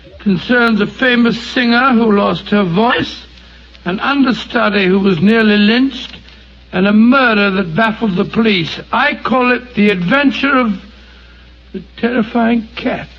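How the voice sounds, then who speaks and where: An actor playing Doctor Watson, a genial and modest older English doctor, chatting on an old radio show. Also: male voice, high voice, measured pace. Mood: storytelling. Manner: modest, chummy and a little flustered. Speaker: Holmes's companion, chatting with the announcer. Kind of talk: 1940s radio acting. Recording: muffled old radio recording, faint hiss.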